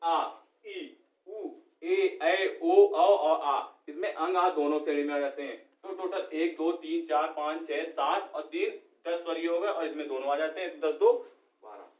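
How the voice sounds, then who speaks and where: A man's voice: fairly high pitch, unhurried, a little mellow. A man teaching a classroom lesson, asking questions and answering them himself. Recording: echoey room, far from the mic.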